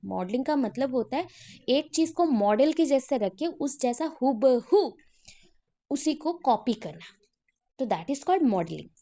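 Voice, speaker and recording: High-voiced woman teacher drilling a class. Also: a little mellow, lo-fi sound. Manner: repeats key names for drilling, quizzes the class. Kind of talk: classroom lecture.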